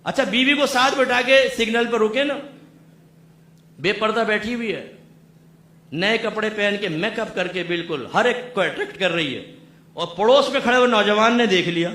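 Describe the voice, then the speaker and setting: Male preacher giving a fired-up sermon, highish bright voice, calls everyone his kids, big echoey hall. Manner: impassioned, swings from soft to loud exhortation; addresses listeners as his children. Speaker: mufti preacher. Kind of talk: sermon to a gathering.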